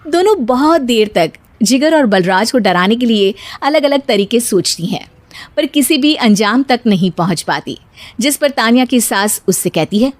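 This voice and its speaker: A woman's voice: fairly high pitch, animated, moderate pace, dry recording. A woman narrating a scripted cartoon storybook tale as its storyteller.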